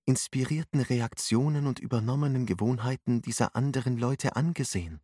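A man's voice: medium pitch, fairly quick, dark tone, slightly rough, no echo, clean studio sound, pitched above the performer's own voice, close to an everyday voice. A man voicing a patient, caring woman who guides and soothes, in an audiobook. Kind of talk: audiobook narration.

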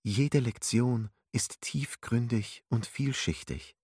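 A man's voice: mid-range voice, lively intonation, unhurried, slightly rough, no room sound, clean studio sound. A man reading a soothing female spiritual guide. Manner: soothing, gently instructive. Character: calm, wise older female spiritual counselor.

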